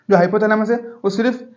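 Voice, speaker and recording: A male teacher whose voice sits high, with a fairly bright tone, gives a Hindi biology lecture built on call-and-response questions, asking students to call out answers. It sounds reverberant, with the highs cut off.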